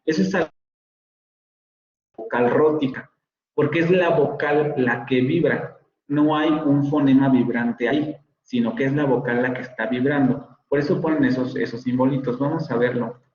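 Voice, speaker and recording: A man's voice: mid-range voice, moderate pace, roomy sound, highs cut off. A man, a university professor giving an online phonetics lecture and patiently repeating words to model their sounds.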